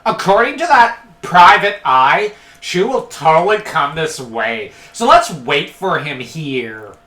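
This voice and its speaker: Eager young girl, man doing a half-hearted voice; a bit high-pitched, recorded in an echoey room. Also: expressive, slow pace, pushed and bright, exaggerated voice. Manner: half-hearted voice, soon dropped.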